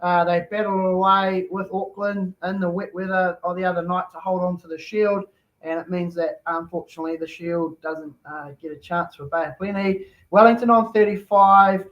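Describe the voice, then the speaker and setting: A man hosts a casual chat in an easygoing, matey manner. His voice sits quite high for a man. The recording sounds dull and lo-fi. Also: steady tone, moderate pace. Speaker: host.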